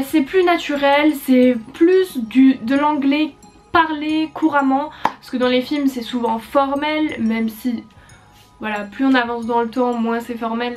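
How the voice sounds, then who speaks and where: Young female YouTuber, twenties, high-pitched, casual and hesitant delivery, faint music bed. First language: French. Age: 20s. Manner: chatty, many fillers and hesitations. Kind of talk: casual talk to camera giving language tips. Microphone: compact camera.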